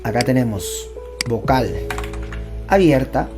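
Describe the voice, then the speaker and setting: A woman teaching a playful grammar lesson, chatty and joking, sounding out words slowly and emphatically. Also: a bass voice, lively intonation. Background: faint background music.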